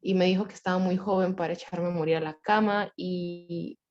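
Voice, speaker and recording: Woman, 20s, lower pitch, measured student recounting on a dull-sounding call line. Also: steady tone, a little mellow. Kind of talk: personal account in class discussion.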